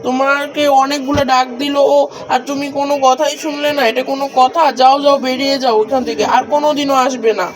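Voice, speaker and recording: Someone playing a bossy, fairly high shop owner. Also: level tone, quick pace, lightly acted, poor audio. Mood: shopkeeper. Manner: scolding, then obliging salesperson.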